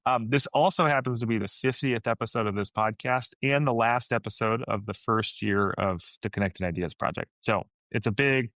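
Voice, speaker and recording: A man's voice: mid-range voice, normal speed, few pauses, a bit bright, no room sound, rough recording. A man hosting a podcast interview, speaking in an earnest, conversational way that restarts his sentences now and then. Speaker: podcast host.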